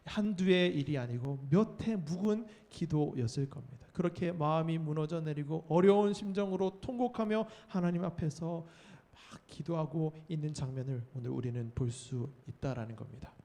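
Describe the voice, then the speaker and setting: Guy preaching to youth group, earnest, acts out the quotes, kinda high voice. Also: moderate pace, hardly any pauses, warm tone. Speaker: youth pastor. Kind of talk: sermon.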